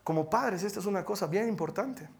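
A male pastor delivering a sermon with lively, humorous storytelling. He swings between loud emphasis and quiet, slowed asides. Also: sits high, creaky.

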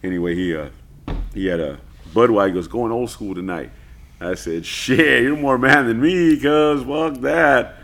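A man's voice: medium pitch, unhurried, vocal fry, a bit bright. A man co-hosting a podcast in casual chat, laid-back, swearing a lot and saying dude and bro. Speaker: podcast co-host.

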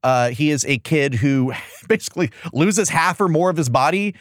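Animated, higher-pitched American man, joking chat. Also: moderate pace, dry recording, clean studio sound. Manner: sarcastic, incredulous, profane joking. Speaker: podcast host. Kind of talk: casual comedic chat about old cartoons.

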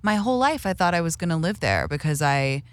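A woman's voice: sits low, sing-song, fairly quick, dry recording. A young woman with an American Valley girl accent and manner talks in casual interview chat. She is candid and self-mocking and swears freely. The sound is close and dry. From England. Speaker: interview guest.

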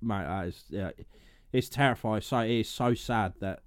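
A man with a fairly low voice, recorded dry with very little room sound. He chats casually in a matey, sweary way. He often repeats phrases to drive them home. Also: normal speed, clear, resonant tone, no room sound. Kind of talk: casual chat.

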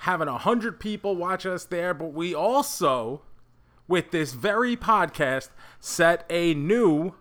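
A man with a bright, forceful voice set a bit higher than average. He talks casually as a podcast host, chatting to listeners and his co-host. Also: animated, slow pace.

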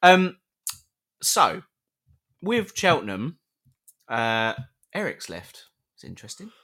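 A man's voice: medium pitch, big pitch swings, takes it slowly, bright, forceful tone. A British man co-hosting a live podcast, chatting casually and playfully with listeners, often restarting his sentences. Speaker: podcast co-host.

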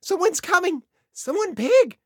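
A woman voicing a grandiose little male mouse who hoards shiny things, in a theatrical, excitable children's story voice. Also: extremely high pitch, a little slow, no echo, studio quality, exaggerated voice. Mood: alarmed. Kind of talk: children's audio story acting.

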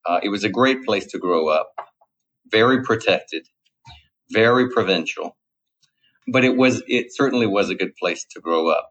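Middle-aged cajun guy, lowish voice, rambles and repeats himself, muffled lo-fi sound. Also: moderate pace, long pauses, a bit bright. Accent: Cajun Louisiana. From Louisiana, USA. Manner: rambling, repeats words, laughs easily. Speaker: guest. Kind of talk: casual interview talk. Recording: dull lo-fi sound.

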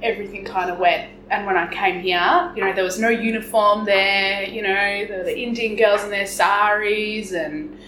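A woman's voice: mid-range voice, fairly even intonation, moderate pace, few pauses, pushed and bright. A 22-year-old woman, a podcast guest, speaking emphatically and forthrightly. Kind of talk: opinionated conversation. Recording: roomy with clear background noise.

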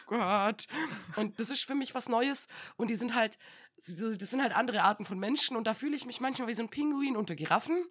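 A woman's voice: fairly high pitch, lively intonation, fast, a bit bright, slightly rough. Young woman, podcast co-host, casual storytelling, acts out dialogue, laughs a lot. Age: young adult. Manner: chatty storytelling, acting out quoted dialogue, laughs often. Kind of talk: casual chat.

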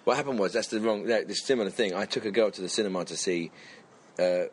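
A man's voice: lowish voice, fast talker, breathy edge. A man chatting casually, telling rambling self-mocking anecdotes full of quoted voices. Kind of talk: casual chat, storytelling.

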